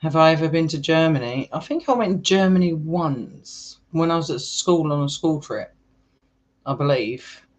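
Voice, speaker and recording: Chatty English man, slightly high voice. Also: expressive, normal speed, rough recording. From England. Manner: chatty, rambling, laughs often. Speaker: urban exploring vlogger. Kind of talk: casual live chat with viewers.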